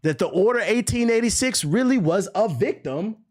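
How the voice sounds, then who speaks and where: Speaking at a moderate pace in a voice that sits high, this young streamer trades animated, profane, mocking banter about gaming news. Laughter bursts out between his casual comments.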